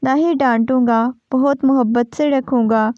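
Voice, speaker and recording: A woman's voice: sits high, fairly even intonation, dry recording, lightly acted. A woman voicing a tender, protective young husband who speaks in a soothing, reassuring way in a storybook reading. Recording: dull, dry lo-fi recording.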